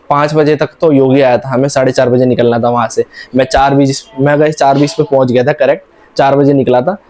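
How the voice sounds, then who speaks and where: A man's voice: medium pitch, a little mellow. A young man from India telling a rambling, casual vlog story with many restarts. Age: young adult. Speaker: vlogger.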